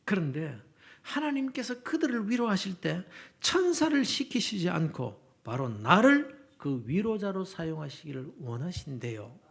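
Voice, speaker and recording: A male pastor preaching a revival sermon in a church, passionate, swinging from loud declarations down to near-whispers. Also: sits high, very animated, measured pace, vocal fry. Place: church sanctuary.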